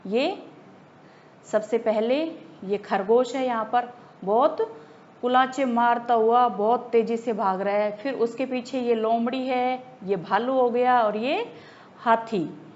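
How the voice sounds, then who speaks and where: Slow-talking woman teacher telling a story. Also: a little high, dull audio, a little hiss or hum. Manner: asks pupils questions and repeats points. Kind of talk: storytelling lesson for children.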